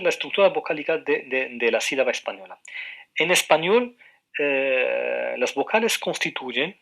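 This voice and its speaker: A man giving a university lecture over the radio, explaining slowly with frequent hesitations, repeated words and questioning tags. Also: medium pitch, gravelly, fairly bright tone.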